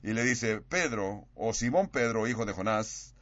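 A man preaching a sermon, acting out quoted dialogue with big swings in pitch and loudness. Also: expressive, a little slow, dry recording, highs cut off.

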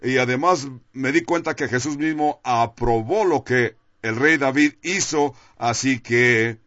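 A man's voice: mid-range voice, measured pace, fairly bright tone. A man preaching a sermon and telling a personal testimony in an earnest, confessional way. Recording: dull, dry, lo-fi sound.

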